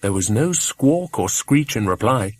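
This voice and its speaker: A man reading a children's adventure audiobook aloud in measured, expressive narration. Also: lowish voice, dry recording. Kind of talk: scripted storybook narration.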